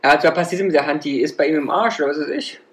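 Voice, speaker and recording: A woman in casual podcast chat, blunt and teasing with her co-hosts. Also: quick pace. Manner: blunt, teasing, swings pitch widely. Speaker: podcast co-host.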